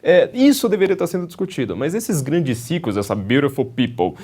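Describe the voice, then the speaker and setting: A man's voice: fairly high pitch, very animated, brisk, dark tone, slightly rough. A man with a Brazilian Portuguese accent giving sarcastic, opinionated political commentary on a panel show, dotting his talk with "né". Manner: sarcastic, mocking quotes, frequent "né" tags.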